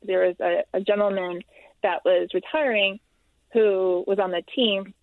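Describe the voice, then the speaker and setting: A woman telling her story as a guest, halting and repeating herself, with nervous little laughs between the hard parts. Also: medium pitch, steady tone, no room sound. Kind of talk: emotional personal account. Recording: tinny, dry phone-like sound.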